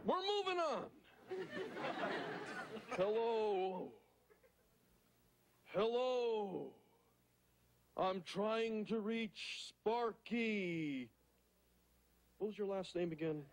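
A man's voice: high voice, lively intonation, drawn-out words, long pauses, some chatter behind, heavily acted. A man voicing a wisecracking, nasal furry alien who acts as a bossy, theatrical seance medium in a sitcom. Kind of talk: sitcom acting. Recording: noisy sitcom soundtrack.

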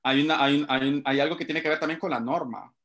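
A man's voice: fairly high pitch, fast talker, a bit bright. A man speaking as a guest linguist, explaining to a class in a conversational way. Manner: explanatory, addresses listeners directly.

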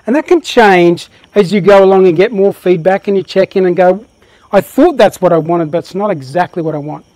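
A man's voice: high-pitched, fairly quick, warm tone, dry recording. A man giving a live motivational presentation to an audience, talking with passion and energy. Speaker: workshop presenter.

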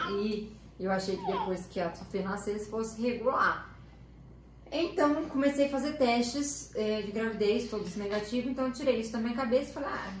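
A young Brazilian woman telling a personal story to viewers in a chatty way, often correcting herself mid-sentence. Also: on the high side. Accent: Brazilian Portuguese. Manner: chatty, self-correcting, quotes family in dialogue. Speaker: vlogger. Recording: roomy home video with faint noise.

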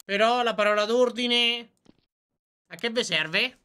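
A man's voice: very high-pitched, slow pace, bright, forceful tone, clean tone. A man with a Roman Italian accent, streaming a role-play game and joking with other players, repeating words in playful bursts. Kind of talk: casual role-play banter.

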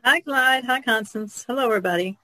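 A woman's voice: on the high side, a little fast, pushed and bright. An American woman, a painter and co-host, speaking in a podcast introduction.

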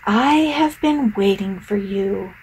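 A wise old octopus gives advice in a calm, measured storybook voice, as a woman puts her on. The pace is slow, with a gravelly texture. Faint ambience is heard behind her. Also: medium pitch, a little hiss or hum, poor audio.

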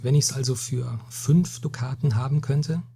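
Man reading young merchant, naive, cautious, polite, haggling, husky breathy voice, storybook. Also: medium pitch, moderate pace, mellow. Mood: careful.

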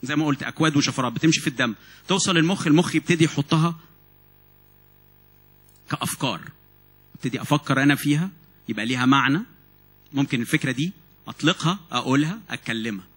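A man preaches in Egyptian Arabic, words tumbling out at a fast clip. His voice has a husky edge, and he keeps restarting and repeating words. He sounds animated as he builds his points. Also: medium pitch. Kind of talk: sermon. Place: church meeting hall.

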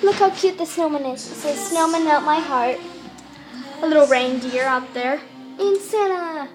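A young woman vlogs casually from her family home at Christmas, giggly and talkative as she films on a handheld camera. Her voice sits high at a moderate pace, with music in the background and a rough recording.

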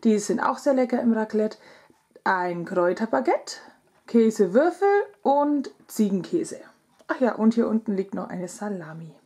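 A thirty-something woman vlogs casually from her kitchen, presenting items and addressing viewers directly in a chatty way. Her mid-range voice is mellow with a breathy edge, lively in intonation and moderate in pace.

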